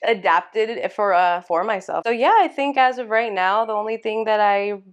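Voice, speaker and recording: A woman of about thirty from California's San Fernando Valley chats as a podcast guest in a casual interview, speaking hesitantly with many fillers and little laughs. Her voice is medium-pitched, clear and resonant, at a moderate pace.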